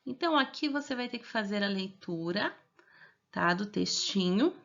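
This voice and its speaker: A woman's voice: mid-range voice, expressive, normal speed, gravelly, a bit bright, muffled recording. A woman with a Brazilian accent, a primary school teacher who records class instructions and explains each step patiently, checking in often with her pupils. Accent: Brazilian Portuguese.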